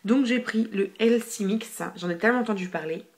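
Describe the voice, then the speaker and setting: A young woman with a medium-pitched voice talks fairly quickly as she casually chats through a makeup haul, filming on her phone. The beauty vlogger is chatty and hyper, loading her product review with fillers and repeated words, and sometimes drops almost to a whisper.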